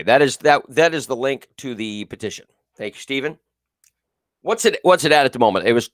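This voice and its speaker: A man of medium pitch, recorded in clean studio sound with no room noise, hosts a live political call-in program. His voice is big and carrying, his commentary emphatic and repetitive, and he reads viewers' comments aloud.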